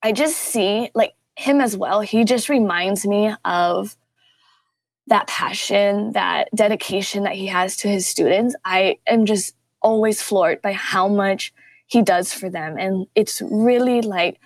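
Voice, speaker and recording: A young woman talks casually as a guest on a podcast about teaching. She tells stories with lively energy and often jumps up in pitch to act out what people said. The sound is dry and close. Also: unhurried, no echo. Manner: animated storytelling, acts out quotes with pitch jumps. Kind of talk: casual interview talk.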